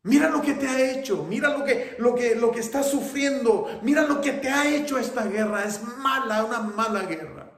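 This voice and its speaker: A man's voice: lively intonation, slow pace, roomy sound. A man voicing a grieving mother whose son came home maimed from war, speaking Spanish with a Mexican accent. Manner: high, loud, pleading and wailing. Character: grieving mother of a wounded soldier, woman, middle-aged.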